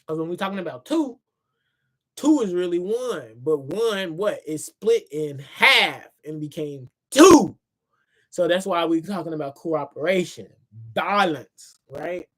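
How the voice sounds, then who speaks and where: A man's voice: high voice, animated, unhurried, a bit bright. A tired man reading from his own book on a casual livestream, speaking loosely to his viewers, repeating words and asking them to say things back. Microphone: phone or computer mic on a livestream.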